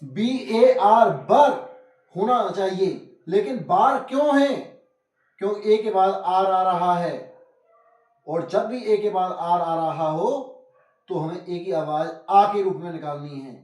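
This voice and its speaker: Spelling letters out one by one, a man teaches phonics and addresses his viewers as friends. He speaks slowly in a high-sitting voice with a darkish tone, sounding distant in a reverberant room.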